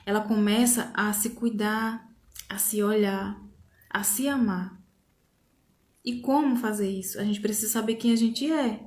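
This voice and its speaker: Brief: woman, medium pitch, gentle halting devotional testimony, roomy echo. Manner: soft, halting, emotional storytelling with many pauses. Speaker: women's devotional speaker. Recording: echoey room.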